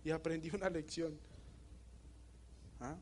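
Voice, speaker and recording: A young man with a Bogotá Colombian Spanish accent, giving a motivational talk and telling a story with animated energy, often asking the audience questions. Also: fairly high pitch, a little slow, a little hiss or hum. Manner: animated storytelling, asks the audience questions, laughs at his own jokes. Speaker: motivational speaker.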